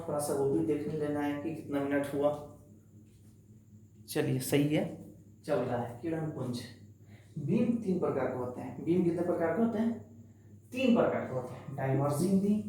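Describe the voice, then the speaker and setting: A male teacher talks his class through a lesson in a chatty, reassuring way, saying key words again and again. His voice is mellow and a little high. It rings around a very echoey classroom and comes from some way off the mic. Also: slight background noise. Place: echoey classroom, writing on a board. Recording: very echoey room, voice from a distance.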